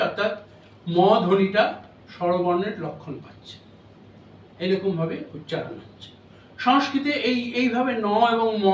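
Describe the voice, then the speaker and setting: A man. He explains slowly and pauses between short phrases. The sound is roomy and distant, picked up from across a hall with a faint hiss behind it. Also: high voice. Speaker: lecturer. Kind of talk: memorial lecture on phonetics. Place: lecture hall.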